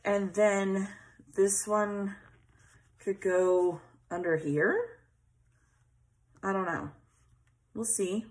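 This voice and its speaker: Very slow and full of long pauses, this woman's mid-range, steady voice carries a relaxed scrapbooking tutorial. She hosts the channel from her craft table at home, chatting and musing as she places pieces while an overhead camera watches her hands.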